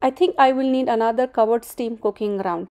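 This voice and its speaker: A woman's voice: on the high side, fairly quick. Woman narrating a cooking vlog. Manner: calm, steady instructional delivery. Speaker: cooking vlogger. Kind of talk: scripted voice-over narration. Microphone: voice-over.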